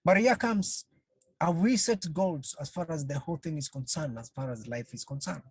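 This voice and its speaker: Over a video call, a counselling trainer delivers an online webinar, speaking slowly and haltingly, repeating phrases and posing rhetorical questions to the audience again and again. The voice is medium-pitched and husky, with no room sound.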